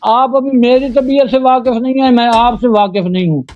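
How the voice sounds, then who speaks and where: A man's voice: very high voice, fairly even intonation, dull audio. A Sunni cleric in a live religious debate, lecturing and correcting his opponent.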